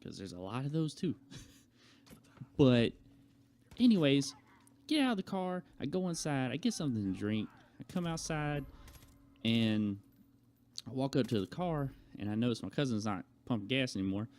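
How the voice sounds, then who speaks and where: Here a young adult man vlogs to his viewers, spinning a rambling personal story in a loose, conversational way and acting out the things people said. His medium-pitched voice swings widely in pitch and sounds a little mellow, moving at a moderate pace broken by long pauses.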